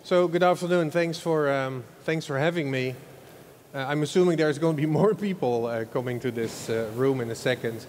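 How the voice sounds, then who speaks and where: A Dutch marketing executive from the Netherlands gives a loose, chatty conference presentation, often ending lines with "huh?". His voice is a little high and a little mellow, at a normal speed. The recording, made in a large old event hall, has long hall reverb and faint background noise.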